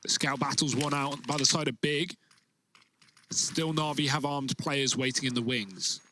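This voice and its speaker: A man giving live esports match commentary as a play-by-play caster, excitable when the action builds. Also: medium pitch, unhurried, a little hiss or hum.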